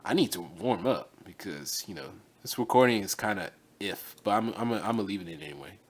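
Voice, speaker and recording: A deep-voiced man records voice-over takes for a video essay, speaking animatedly at a moderate pace. Between takes he chats casually and restarts lines to fix his reading. The mic sits at a distance, picking up a roomy echo and faint ambience.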